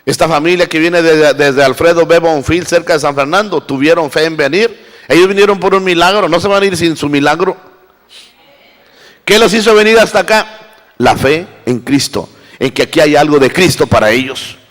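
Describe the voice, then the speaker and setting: Male pastor, fairly high voice, dynamic sermon delivery on a mic in a reverberant church. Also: normal speed. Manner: preaching with wide swings between loud and hushed. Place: church hall. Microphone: handheld microphone. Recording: live church recording with long reverb.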